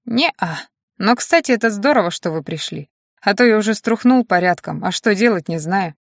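A woman's voice: mid-range voice, lively intonation, moderate pace. A woman reading the part of a sulky young man in an audiobook, mumbling his replies. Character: sulky young male roofer.

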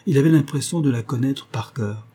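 A man narrating a literary novel in a measured, even reading. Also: medium pitch, slightly rough. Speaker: audiobook narrator.

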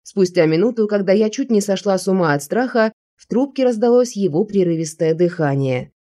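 A woman narrating a first-person novel aloud in an expressive audiobook reading. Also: mid-range voice, fairly quick.

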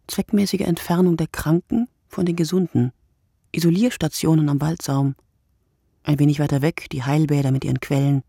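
A performer with a medium-pitched, gravelly voice delivers a monologue from a literary radio play. The phrases are short, deliberate, and reflective.

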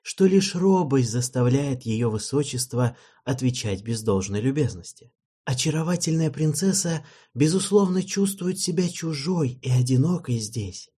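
A man's voice: medium pitch, normal speed, husky, voice pushed up. Man putting on a silky, sly necromancer. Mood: placating. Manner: soft, suave, quietly flattering. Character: smooth, fawning male necromancer courtier, calm and sly.

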